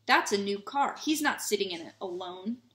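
Gruff bully uncle, read by a woman, stern storybook voice, echoey room. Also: mid-range voice, lively intonation, normal speed, a bit bright, slight background noise, close to an everyday voice. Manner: stern, threatening. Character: blustering middle-aged uncle, gruff bully. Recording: roomy echo.

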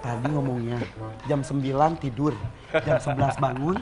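A woman's voice: extremely low pitch, steady tone, moderate pace, over music. A woman host on a variety talk show, teasing guests and introducing clips.

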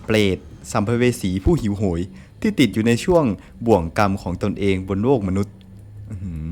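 A man's voice: on the low side, slight background noise. A man from Thailand giving jumpy, exclaiming commentary over a horror game, swearing often. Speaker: gameplay streamer.

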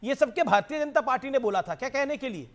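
A man's voice: very high voice, lively intonation, fast talker. A man anchoring a TV news debate, pressing and interrupting a guest.

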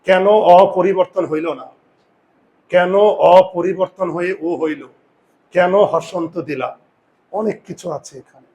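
A man teaches a class, firing questions at his students. He drags out sounds slowly to demonstrate them. His voice sits a little higher than most men's. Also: a little mellow. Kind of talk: classroom lesson.

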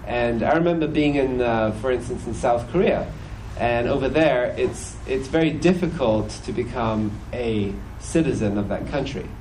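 Speaking into a stand mic on a church hall stage, this forties-aged British man, who grew up in various countries and whose accent has mellowed from time in America, gives a Sunday sermon built around personal testimony. His pitch is medium, and the poor audio carries some hiss or hum. His tone is easygoing and funny, full of "you know"s and brief impersonations.

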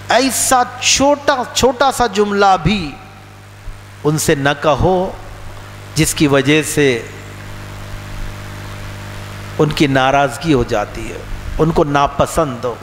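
A man preaches a religious sermon in a high, ringing voice, hammering points home by repeating them. He drops to soft, low phrases and then rises again. The recording carries a long hall reverb and a faint hiss. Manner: emphatic, repeats phrases, swings between soft low lines and raised outbursts.

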